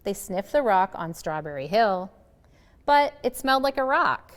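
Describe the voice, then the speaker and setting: Female picture-book reader, animated and dramatic, with very varied intonation. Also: medium pitch, unhurried. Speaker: storybook reader. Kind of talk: expressive scripted narration of a children's picture book.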